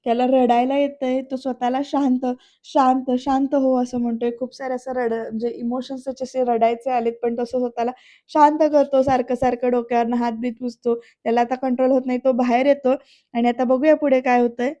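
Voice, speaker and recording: A woman's voice: a little high, flat delivery, a little fast, mellow, lo-fi sound. A woman narrating a chatty voice-over recap of a TV serial, addressing viewers directly.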